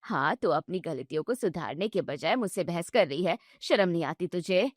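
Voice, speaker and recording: A woman's voice: lowish voice, lively intonation, moderate pace, dry recording, clean studio sound, pitched below the performer's own voice. A woman voicing a bossy mother-in-law who scolds her daughter-in-law sharply. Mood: scolding.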